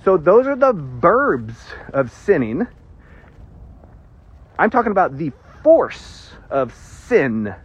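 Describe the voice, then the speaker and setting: Animated, husky male preacher. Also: fairly high pitch. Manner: animated, joking asides, emphatic pauses. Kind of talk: casual sermon teaching. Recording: dull lo-fi sound.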